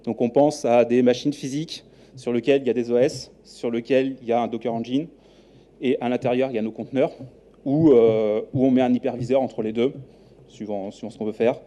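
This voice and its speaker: A man in his thirties with a French accent, a software architect giving a live talk at a tech meetup, relaxed and hesitant with many fillers and restarts. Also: medium pitch, fairly quick. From New Caledonia. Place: meetup room.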